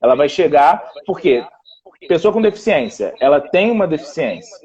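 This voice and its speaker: A man's voice: on the high side, sing-song, normal speed, a little mellow, dull audio. A man, a public defender telling a story in a live panel talk and quoting others in dialogue.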